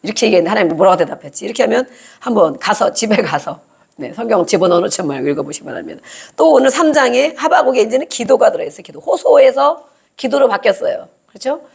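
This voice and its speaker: A woman's voice: a little high, animated, quick pace, gravelly, darkish tone, slightly rough. A middle-aged woman preaching a sermon in an emphatic, conversational way, acting out quoted prayers.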